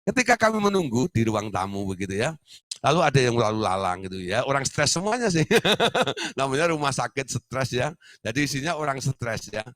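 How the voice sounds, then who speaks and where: A man's voice: medium pitch, sing-song, brisk, a bit bright, dry recording, studio quality. A male pastor preaching in a conversational storytelling way, often laughing as he talks. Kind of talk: sermon.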